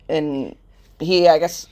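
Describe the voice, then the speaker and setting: A woman's voice: sits low, fairly even intonation, very slow, mellow. A woman co-host in a casual podcast chat who mostly agrees in short replies.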